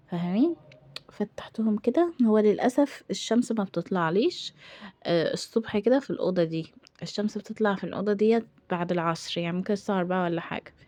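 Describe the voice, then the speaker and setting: A woman's voice: fairly low pitch, a little mellow, no echo. A young woman with an Egyptian accent chatting casually in a home vlog, exasperated and self-deprecating. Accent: Egyptian Arabic. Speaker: home vlogger.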